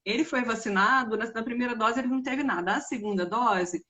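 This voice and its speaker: Brazilian woman interviewer, slightly high, relaxed mom sharing stories, coughing. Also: a little fast. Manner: relaxed, conversational, shares personal stories. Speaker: interviewer, mother. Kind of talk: casual interview chat.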